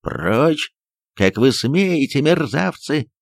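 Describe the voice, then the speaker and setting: A man reading an audiobook, voicing an enraged, unhinged middle-aged doctor who shouts at his household. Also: a little high, big pitch swings, very slow, vocal fry, no echo, clean studio sound, pitched above the performer's own voice, exaggerated voice. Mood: raging. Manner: shouting, furious.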